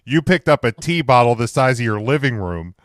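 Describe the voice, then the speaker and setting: A man's voice: medium pitch, animated, brisk, no room sound, clean studio sound. A man hosting a casual podcast with friends, who swears and laughs easily as he runs the segment. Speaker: podcast host. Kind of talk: casual banter among friends.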